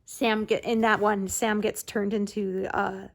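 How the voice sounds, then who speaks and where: A woman's voice: medium pitch, little pitch movement, measured pace. A woman hosting a cross-stitch video, chatting casually as she works, rambling with fillers and laughing often. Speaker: crafting video host.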